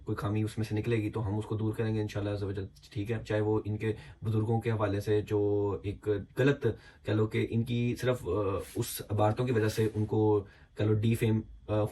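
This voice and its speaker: Indignant low-voiced man commentating. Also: mellow. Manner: indignant, repeats himself, many fillers. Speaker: YouTube commentator. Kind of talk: heated reaction commentary.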